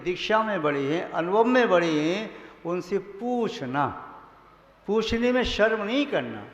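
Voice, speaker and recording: A man, a monk, giving a measured sermon and posing rhetorical questions to his listeners. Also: high voice. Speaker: Jain monk. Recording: echoey hall, dull lo-fi sound.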